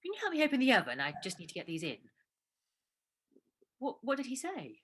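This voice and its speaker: With a London accent, an actor in a two-hander play portrays an anxious woman making dinner for her partner, fretful and hesitant, starting over whenever nerves hit, in a naturalistic stage drama. The pitch is fairly high with huge swings, the pace brisk, and there's slight background noise.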